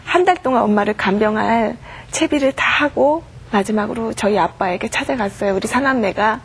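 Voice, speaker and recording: Woman guest, middle-aged, slightly high voice; earnest storytelling testimony, faint background hum. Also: fairly quick. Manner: earnest storytelling, acts out quoted prayers and dialogue.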